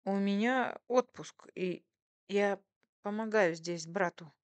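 A flustered young waitress, as a woman reader puts her on, stammering and halting as she speaks. Her voice sits higher than the reader's own low tone and comes out bright and eager. Dry, close sound. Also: lively intonation, dry recording, lightly acted. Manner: nervous, hesitant, stammering.

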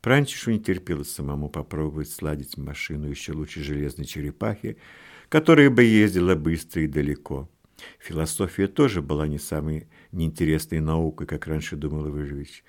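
Deep-voiced male audiobook narrator. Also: brisk. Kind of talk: scripted narration.

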